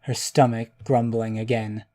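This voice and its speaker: Man, children's storybook narration, calm, even, mellow tone. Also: medium pitch, measured pace.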